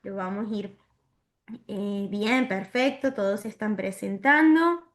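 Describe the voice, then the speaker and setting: Speaking in a mid-range voice, a woman runs a virtual training session for teachers. She walks through the material step by step, often checking in with a quick "¿sí?".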